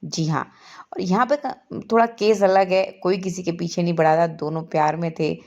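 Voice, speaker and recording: A woman's voice: fairly low pitch, normal speed, a little mellow, highs cut off. A woman hosting a celebrity gossip video, chatting eagerly and speaking straight to her viewers as "guys". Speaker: entertainment news video host.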